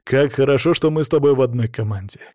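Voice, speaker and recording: Man voicing a tender, regretful dad, audiobook character, mid-pitched, dry sound. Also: fast talker, dark tone, no room sound, natural voice. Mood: fond.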